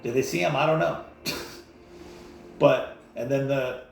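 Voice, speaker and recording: Gravelly man rambling in an echoey space. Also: medium pitch, unhurried, soft background music. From United States. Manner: rambling, full of fillers and restarts. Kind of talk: casual rambling monologue. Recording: very echoey with faint noise.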